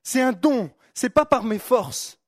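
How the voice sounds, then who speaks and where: A man's voice: very high-pitched, animated, slow, no echo, studio quality. A young man preaching a sermon, fervent, repeating phrases for emphasis and stumbling on words. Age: young adult.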